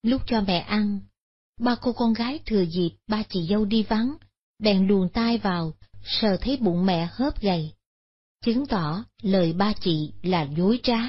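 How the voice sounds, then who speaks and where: A woman, narrating a Buddhist moral story in a measured, solemn way. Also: medium pitch, slightly rough. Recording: dull lo-fi sound.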